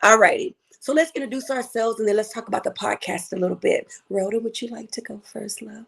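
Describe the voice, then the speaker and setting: A woman's voice: a little high, fairly even intonation, a little fast, gravelly, a bit bright, slightly rough. A middle-aged woman hosting a live podcast as a life coach, upbeat and playful with slang.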